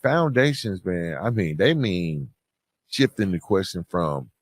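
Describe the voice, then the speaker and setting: A deep-voiced man hosts a podcast, very animated yet a little slow, speaking conversationally and motivationally straight to listeners while leaning on words for emphasis. The sound is clean studio audio with no echo.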